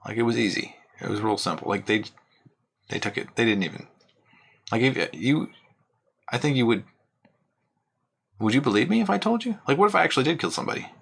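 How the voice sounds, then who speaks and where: A man's voice: medium pitch, lively intonation, fairly quick, vocal fry, pauses often, fairly bright tone, husky. A man co-hosting a podcast in casual chat, musing hesitantly and filling his talk with "like". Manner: musing, hesitant, many "like" fillers. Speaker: podcast co-host.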